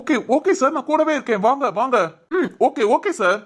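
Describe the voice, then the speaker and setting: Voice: high voice, expressive, normal speed. A voice actor playing a young man in a cartoon who is exasperated, teasing and talks to himself. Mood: reassuring. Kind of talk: Tamil cartoon voice acting.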